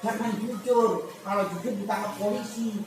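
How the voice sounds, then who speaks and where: A high-pitched man with fairly even intonation and a normal pace reads Arabic passages to a class, then unpacks them in everyday language. He also acts out short scenes with quoted voices during the religious lesson. The sound is noisy and echoey, recorded far from the mic.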